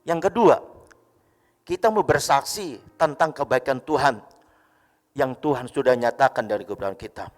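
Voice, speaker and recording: A male pastor giving a sermon, telling a story and acting out the dialogue, with sudden loud bursts. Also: medium pitch, normal speed, pauses often, in a large hall, faint music behind. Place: church.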